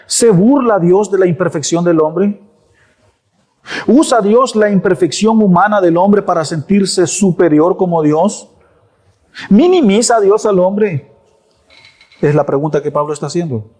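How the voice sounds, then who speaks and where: A male pastor delivers a sermon in church. He is emphatic, repeats lines for stress and throws out rhetorical questions. His voice sits a little higher than most men's. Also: measured pace, pauses often, mellow.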